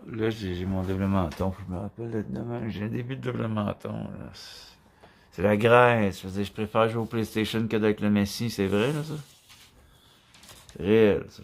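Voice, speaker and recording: A man's voice: low-pitched, a little hiss or hum. A man with a Québécois French accent, rambling in a casual vlog monologue and speaking straight to the viewer. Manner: meandering, addresses the viewer directly, frequent filler "là". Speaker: vlogger.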